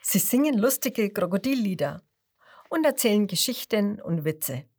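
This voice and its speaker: A woman reading a children's story aloud to a child, slow and expressive, sometimes dropping to a whisper. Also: mid-range voice, husky.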